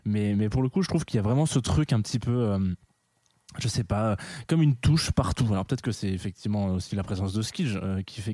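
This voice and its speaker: A man's voice: on the low side, mellow, no echo, clean studio sound. Rambling, self-mocking male radio host. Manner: chatty and rambling, with many fillers and restarts; self-mocking, laughing at himself. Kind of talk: casual live radio presenting. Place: radio studio.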